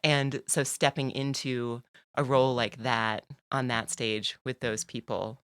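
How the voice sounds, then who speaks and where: A woman with a bass voice speaks a little slowly with little pitch movement, in a clean tone without room sound. As a podcast guest in a casual conversational interview, she chats about her life, laughing often and saying "like" and "you know" a lot.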